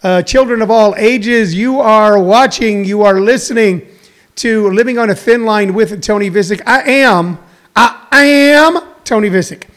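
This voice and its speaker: An American man with a high-pitched voice opens his livestream like a ringmaster. He draws out his announcements with showy flair, then rambles on casually in a wry, self-deprecating way. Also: measured pace, a bit bright. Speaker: host of a daily live online show.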